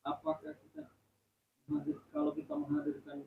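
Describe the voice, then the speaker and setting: Gravelly man asking from far off. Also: extremely high pitch, monotone, a little fast. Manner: hesitant, restarts questions. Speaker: student asking a question. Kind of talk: asking questions in class. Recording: distant tinny sound with faint noise.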